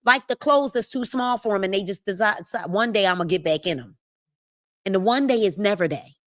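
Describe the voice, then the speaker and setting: A woman, hosting a live book club and reading aloud with preachy, drawn-out emphasis and asides to her viewers. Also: medium pitch, animated, fairly bright tone, dry recording, clean studio sound. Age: 50s. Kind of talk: live-stream book reading and motivational talk.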